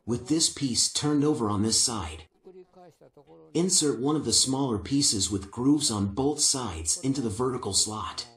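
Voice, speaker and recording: An older man giving calm, patient, step-by-step woodworking instructions in a workshop, on a lapel mic. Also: mid-range voice, measured pace, reverberant. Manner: calm, patient, methodical explanation.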